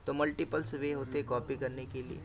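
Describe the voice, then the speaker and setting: A man's voice: mid-range voice, level tone, fairly quick, crowd noise. A man teaching a live command-line class, explaining each step and checking in with "right?" and "okay" as he types. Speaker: instructor. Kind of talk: live screen-share coding class.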